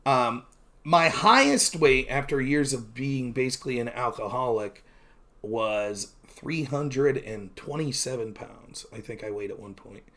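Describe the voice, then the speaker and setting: Streaming alone, this thirty-something man chats openly and self-deprecatingly, his talk loose and filled with fillers. He has a bright, forceful mid-range voice and speaks at a measured pace.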